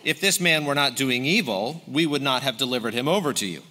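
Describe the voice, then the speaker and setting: A man's voice: mid-range voice, lively intonation, brisk, sharp tone. A man reading the lines of an angry crowd, raised and insistent. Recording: long hall reverb.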